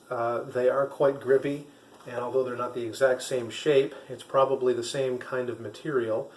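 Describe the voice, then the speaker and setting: A man's voice: mid-range voice, a little mellow. Man, casual review in an echoey room. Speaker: vlogger and trail runner. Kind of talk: casual product review to camera. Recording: echoey room with faint background noise.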